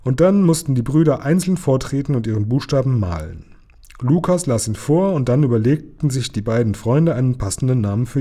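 A man reading a children's book aloud to children, relaxed, now and then breaking off for a casual aside. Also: mid-range voice.

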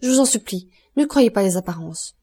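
A woman's voice: mid-range voice, animated, moderate pace, vocal fry, mellow, slightly rough. A woman reading the part of a terrified young wife who stammers and pleads, in an audiobook. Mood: terrified, pleading.

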